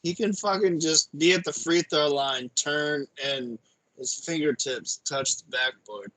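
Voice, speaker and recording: A man with a bright, forceful voice pitched a little high. He jokes and swears in loose podcast chatter. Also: a little slow, dry recording, rough recording. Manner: joking, profane trash talk. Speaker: podcast co-host. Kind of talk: casual chat.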